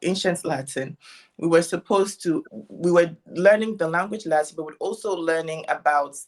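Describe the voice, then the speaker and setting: A woman's voice: fairly low pitch, normal speed. A young woman from Ghana, a guest sharing her story in a casual interview, thoughtful and rambling. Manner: reflective, rambling with restarts. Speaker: guest content creator.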